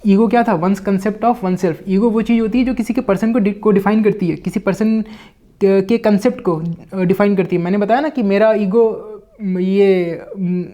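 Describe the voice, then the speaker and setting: A man with an Indian English accent teaching vocabulary, reading English lines slowly and then explaining in Hindi with many fillers. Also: high-pitched, fairly even intonation, dark tone. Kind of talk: Hindi-English lesson explaining a book line by line.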